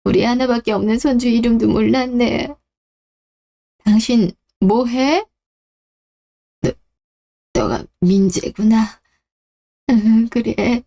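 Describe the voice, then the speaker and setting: A woman's voice: fairly high pitch, takes it slowly, gravelly, pauses often, dark tone. A woman doing a fussy old grandmother. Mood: overjoyed. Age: older. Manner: fretting, exclamatory. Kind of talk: radio drama acting.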